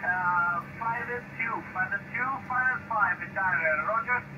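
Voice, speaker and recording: A man's voice: high voice, recorded from a distance, lo-fi sound. Italian man heard over a fading shortwave radio. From Italy. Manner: halting English, searching for words, many fillers. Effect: received over shortwave radio. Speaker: amateur radio operator. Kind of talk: ham radio contact over the air. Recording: faint, fading, noisy shortwave signal.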